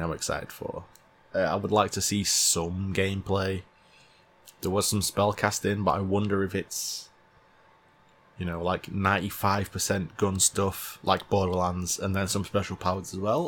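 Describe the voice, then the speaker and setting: A man's voice: low voice, fairly bright tone, a little hiss or hum. A man reacting to a game showcase in blunt, sardonic casual commentary. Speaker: streamer.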